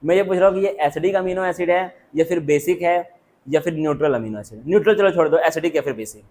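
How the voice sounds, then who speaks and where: High-voiced man drilling a class. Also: quick pace, a little mellow. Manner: constant rhetorical questions, call-and-response drilling; jokey, teases and calls on students. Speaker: coaching class teacher. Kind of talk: classroom lecture. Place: classroom with students.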